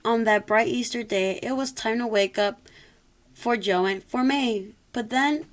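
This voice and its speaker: A woman's voice: fairly high pitch, a little slow. A woman reading a rhyming children's story aloud expressively, occasionally stumbling over a word. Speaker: storybook reader.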